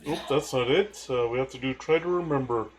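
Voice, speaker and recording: A man's voice: medium pitch, fairly quick. A man live-streaming a video game, muttering to himself as he plays. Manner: muttering to himself while playing. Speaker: gaming streamer. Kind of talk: casual live-stream commentary.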